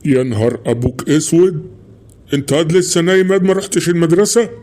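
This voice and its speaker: A man voicing a gruff, quick-tempered middle-aged Egyptian father in a cartoon, grumbling and scolding his son in an Egyptian Arabic accent. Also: mid-range voice, steady tone, mellow, close to an everyday voice. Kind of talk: cartoon voice acting.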